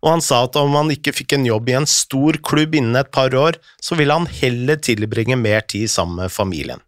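Lively narrator telling a story, dry sound. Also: medium pitch, dry recording.

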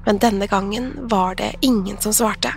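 A woman reading a first-person horror story aloud in a calm, measured way. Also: medium pitch, creaky. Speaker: narrator. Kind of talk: scripted horror narration. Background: soft music.

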